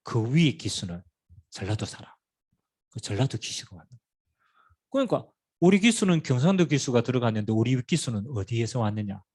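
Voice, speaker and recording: A man's voice: mid-range voice, animated, fairly quick, darkish tone, husky. A middle-aged man from Pohang with a Gyeongsang accent, preaching a sermon as a pastor and telling stories with rhetorical questions and humor. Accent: Gyeongsang Korean. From Pohang, South Korea.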